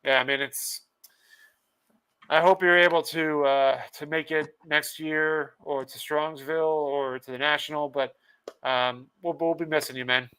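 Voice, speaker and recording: Male host, casual livestream chat, chuckling, reads comments aloud, slightly high, smooth tone. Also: fairly even intonation, unhurried, pushed and bright. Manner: laughs often, reads viewer comments aloud. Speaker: podcast host.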